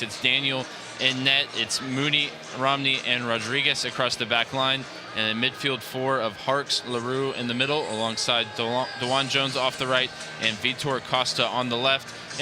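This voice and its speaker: A male play-by-play announcer on a sports radio broadcast, speaking at a mid-range pitch with brisk, polished delivery. He moves smoothly through lineups and statistics from a stadium booth, with music playing underneath.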